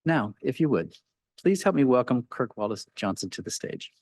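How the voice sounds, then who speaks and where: A man's voice: mid-range voice, big pitch swings, moderate pace, darkish tone, dry recording. A man hosting an event, reading announcements and a formal introduction of the guest speaker. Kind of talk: scripted introduction. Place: lecture hall.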